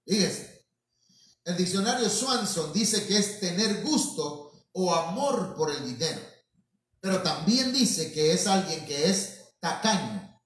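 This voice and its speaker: Man, preacher, sermon, fairly high voice, heavy echo, distant mic. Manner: addresses listeners as brothers, repeats and restarts words. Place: church hall. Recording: very echoey room, mic at a distance.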